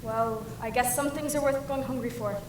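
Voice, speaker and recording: A woman's voice: a little high, fairly even intonation, moderate pace, noisy background, lightly acted. A girl playing an earnest clever newsboy. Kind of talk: school stage musical acting. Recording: echoey hall from far off.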